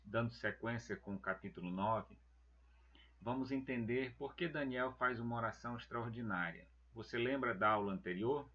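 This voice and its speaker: A man with a low, husky voice teaches a church Bible lesson. He speaks very slowly, with a deliberate, pastoral manner. The recording sounds dull and lo-fi. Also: a bit bright. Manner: slow, deliberate, addresses listeners as beloved brethren.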